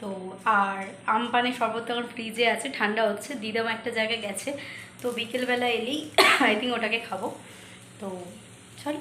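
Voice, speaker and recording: A hoarse young woman chatting casually to the camera in a vlog, showing things around her home kitchen. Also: a little high, steady tone, normal speed, pauses often. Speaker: vlogger. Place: busy home kitchen, indoors. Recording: echoey room with loud household noise.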